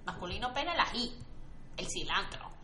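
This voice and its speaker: A Venezuelan woman co-hosting a casual podcast chat, playful and quick to laugh. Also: mid-range voice, very animated, reverberant, background noise. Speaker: podcast co-host. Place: studio.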